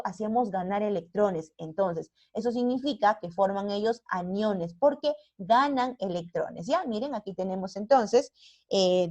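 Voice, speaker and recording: A woman's voice: mid-range voice, a little mellow. Peruvian spanish teacher lady, keeps asking the kids questions, bit muffled lo-fi audio. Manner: asks the class rhetorical questions and keeps checking in with tag questions. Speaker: primary school teacher. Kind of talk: online science lesson.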